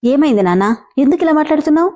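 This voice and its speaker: A woman's voice: high-pitched, expressive, racing, warm tone, voice pushed up. A woman voicing a grieving, devoted mother in a spoken story, talking in a tender, pleading way. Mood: soothing.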